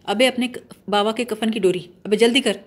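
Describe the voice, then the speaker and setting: A woman's voice: on the high side, fairly even intonation, close to an everyday voice. A woman reading the part of a bumbling, mock-serious young man who blusters and lectures pompously. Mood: blustering.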